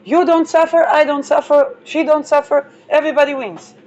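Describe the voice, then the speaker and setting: A woman with a high, steady, somewhat dark voice speaks at a moderate pace as she hosts an astrology channel. She rambles and digresses, tossing in playful asides and plenty of fillers. The audio is dull and lo-fi, with vehicle noise in the background.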